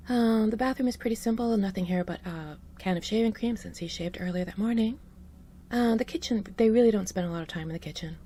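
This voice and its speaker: A woman casually narrating a game build, chatty with fillers and soft breathy asides. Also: medium pitch, slight background noise.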